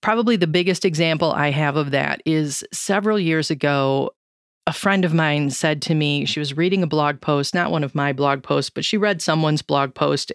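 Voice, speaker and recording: A woman's voice: sits low, no echo, clean studio sound. A woman hosting a solo podcast, talking candidly and reflectively about lessons from running an online business, with a touch of sarcasm.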